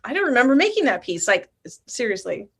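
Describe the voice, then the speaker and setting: A middle-aged guest artist talks about her work over a video call, thoughtfully and at length, in casual interview style. Her voice is husky and a little high, very animated, and she talks fast.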